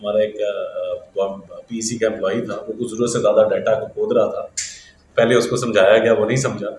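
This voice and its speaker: A man's voice: fairly low pitch, fairly even intonation, a little mellow, far from the mic, a little hiss or hum. A middle-aged man and interview guest, speaking earnestly and respectfully, often addressing his host as sir. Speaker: interview guest, engineering teacher. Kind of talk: interview answers. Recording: echoey room.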